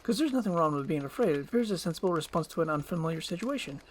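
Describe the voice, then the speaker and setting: A man's voice: a little high, expressive, fast talker, a little hiss or hum, close to an everyday voice. A man voicing a jittery, cowardly but boastful talking donkey, rambling and pleading as in a storybook screenplay reading. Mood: nervous bragging. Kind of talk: storybook screenplay read with character voices.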